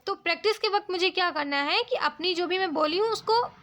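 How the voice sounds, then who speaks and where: Woman tutor, very high, gravelly voice; patient step-by-step lecture delivery. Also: fairly quick, sharp tone. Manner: explains step by step, checks in with "ठीक है?". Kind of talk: Hindi-English exam lecture.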